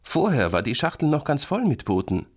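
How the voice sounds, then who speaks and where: A man's voice: sing-song, brisk, husky. Man doing a stubborn little boy. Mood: anxious. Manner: high, whiny and defiant. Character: small stubborn easily scared boy.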